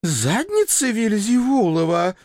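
A pampered young demoness, voiced by a male narrator, sweet and purring with a petulant edge. The voice is lifted above his own and lively in its rise and fall. The sound is dry and close. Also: sits high, normal speed, dry recording, voice pushed up.

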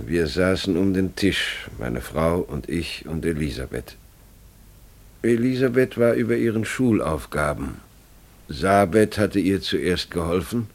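An actor in a German radio play gives a deep, slightly mellow, exaggerated voice to a family father who is grave and bewildered. Slowly and haltingly, he recounts his story with deliberate care.

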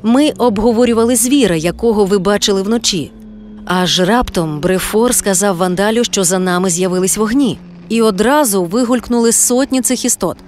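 A woman voicing a young female expedition member calmly recounting an attack. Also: mid-range voice, moderate pace, slight background noise, lightly acted. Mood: tense.

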